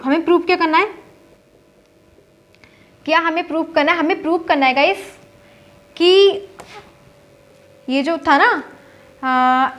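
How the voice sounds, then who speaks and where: High-voiced woman teaching a maths lesson. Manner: repeats "theek hai" to check in, asks and answers her own questions.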